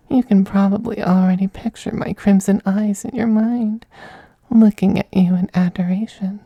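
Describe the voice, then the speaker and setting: In an intimate ASMR roleplay, a performer voices a seductive, possessive male femboy vampire, whispering softly and coaxing in a teasing, gently domineering manner. The breathy whisper sits at a medium pitch with no echo.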